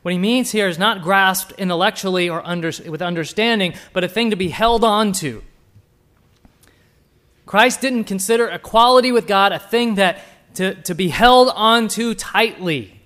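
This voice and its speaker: A man preaching a sermon, asking the listeners direct questions and swinging between hushed and emphatic delivery. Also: high voice, normal speed.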